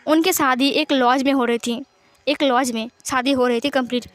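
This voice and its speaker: A woman retells a fan fiction story in a casual, steady way, voicing the dialogue herself. Her voice sits high, and faint music plays behind her. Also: moderate pace. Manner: plain, steady narration that also voices the dialogue lines.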